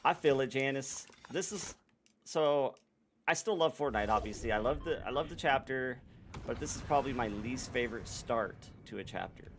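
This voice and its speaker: A man's voice: mid-range voice, animated, normal speed. A young man streaming a game live, chatting casually to his viewers in a laid-back, slangy way. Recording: noisy background.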